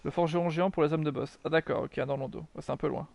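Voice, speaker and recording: A man's voice: a little high, fairly even intonation, quick pace, gravelly, darkish tone. A man giving chatty live commentary while streaming a video game, mocking himself, swearing often and answering his chat.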